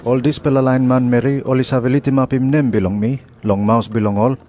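A man with a Papua New Guinean accent playing a calm, authoritative religious teacher in a dramatised scripture reading. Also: mid-range voice, a little fast, lightly acted. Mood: reproving.

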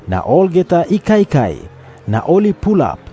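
A man's voice: on the high side, sing-song, normal speed, dark tone, soft background music. A man with a Papua New Guinean accent, reading scripture as a narrator. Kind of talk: scripted Bible narration in Tok Pisin.

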